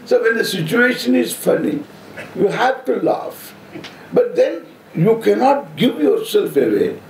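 Older male swami, South Indian accent. Unhurried, deliberate, humorous discourse, very animated intonation, noisy live room. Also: high voice, vocal fry. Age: 70s. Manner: deliberate, halting phrases, playful humour. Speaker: spiritual teacher, swami. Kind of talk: informal spiritual discourse. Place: seated on stage before an audience, indoors. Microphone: stand microphone close in front. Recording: roomy echo, audible background noise.

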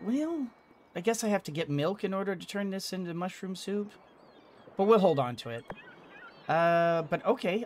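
This let's-play host, a middle-aged man, mutters to himself while giving casual gameplay commentary, thinking out loud as he goes. His voice is high with a fairly bright tone. Recorded in a small indoor room at home, the clip has game music behind it and a touch of hiss or hum.

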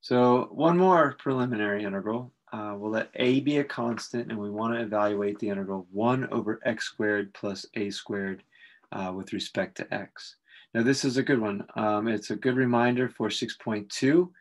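A man teaching a calculus lesson, talking through each step in a relaxed, explanatory way with frequent fillers. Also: on the low side, normal speed. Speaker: math instructor. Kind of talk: recorded calculus lecture.

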